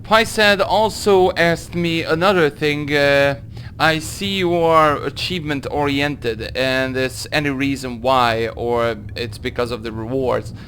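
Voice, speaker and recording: A young man from Hungary with a Hungarian accent, answering viewer questions in a casual gaming Q&A, halting through his English with many fillers. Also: a little high, a bit bright, slight background noise. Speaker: gaming video creator. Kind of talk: casual Q&A monologue.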